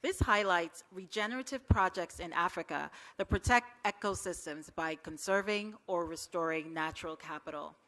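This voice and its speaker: A woman's voice: on the low side, moderate pace, few pauses, fairly bright tone. A woman presenting an awards ceremony, reading the category and nominees from a script. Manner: reads announcements steadily.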